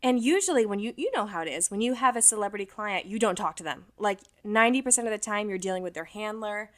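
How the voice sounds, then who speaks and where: A woman's voice: medium pitch, expressive, fast talker. A woman in her twenties co-hosting a podcast, telling frank stories in casual chat and laughing easily. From American South. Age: 20s. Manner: frank, chatty storyteller, swears and laughs easily. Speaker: podcast co-host.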